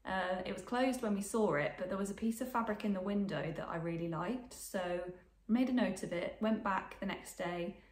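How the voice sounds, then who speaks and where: Speaking at a moderate pace with few pauses, a woman in her twenties chats about sewing to camera from her sewing room at home. She's a vlogger with a slight cold that makes her snuffly, she rambles with many ums, and her medium-pitched voice sounds roomy.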